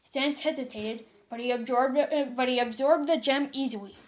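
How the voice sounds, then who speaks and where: A woman with a high voice reads a fan story aloud in an amateur way, keeping a moderate pace. She stumbles and repeats words as she goes.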